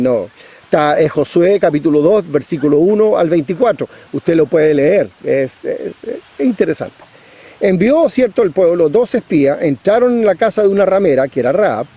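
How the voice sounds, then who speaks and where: A man's voice: fairly high pitch, warm tone, breathy edge. A middle-aged man preaching a sermon, pressing his points with repetition and rhetorical questions.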